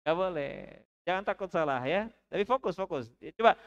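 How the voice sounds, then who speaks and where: A man teaching Quran recitation at a mosque study session, chatty and joking, drilling the audience with slow, drawn-out recitations. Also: sits high, expressive, clean tone, muffled recording.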